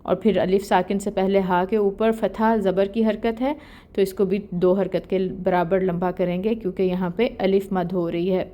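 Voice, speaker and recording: A woman's voice: mid-range voice, fairly even intonation, highs cut off. A woman teaching Quran recitation rules, explaining each letter patiently and step by step. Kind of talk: step-by-step tajweed lesson.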